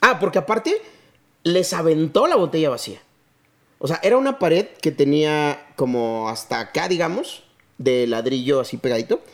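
A man's voice: a little high, normal speed. A man with a Mexican accent co-hosting a podcast, telling a story in casual, slangy chat. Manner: animated storyteller, slangy, acts out quotes. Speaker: podcast co-host.

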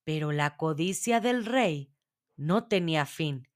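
A woman storyteller narrating a children's fairy tale in a measured, expressive reading voice. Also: sits low.

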